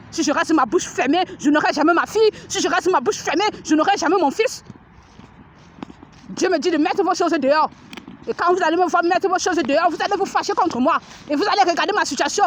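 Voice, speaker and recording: A woman's voice: high voice, slight background noise. A woman from Cameroon, ranting in a repetitive, crude and defiant way while walking a city street, filming on her phone. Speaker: vlogger. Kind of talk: filmed street rant.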